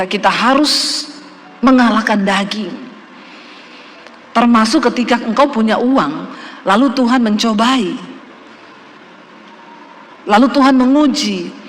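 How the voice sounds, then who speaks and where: A woman pastor preaching a sermon, addressing her listeners directly and emphatically, sometimes raising her voice to a shout. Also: high-pitched. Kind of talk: sermon to a congregation. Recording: long hall reverb.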